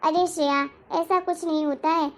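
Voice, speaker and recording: A woman voicing a gentle, reassuring young mother-to-be in an animated family story. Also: extremely high pitch, normal speed. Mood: tender. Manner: soft, reassuring. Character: gentle expectant young aunt, hopeful for a daughter.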